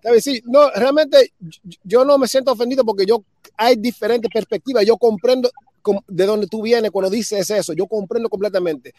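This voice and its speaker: A man from New York, a guest in a casual discussion, speaking calmly and agreeably. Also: sits high, no room sound, studio quality. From New York, United States. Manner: calm, measured, agreeable.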